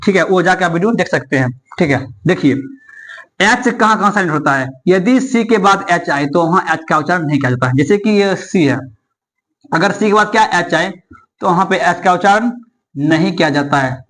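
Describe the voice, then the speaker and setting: Male English teacher, high voice, drills each rule by asking and answering his own questions. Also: a bit bright. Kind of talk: classroom-style explanation.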